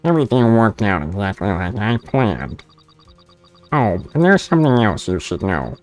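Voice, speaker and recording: A man putting on a mystery caller who hides behind a disguised voice, low-pitched and smug. The delivery swoops up and down in a mocking sing-song. Faint music plays underneath. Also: sing-song, moderate pace. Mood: taunting. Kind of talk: reading game dialogue aloud.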